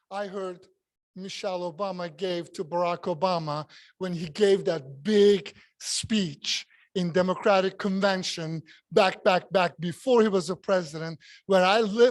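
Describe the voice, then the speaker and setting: A man with a high-sitting voice, who speaks English as a second language, gives a jokey, self-mocking speech at a club meeting, repeating words for emphasis. There's no room sound.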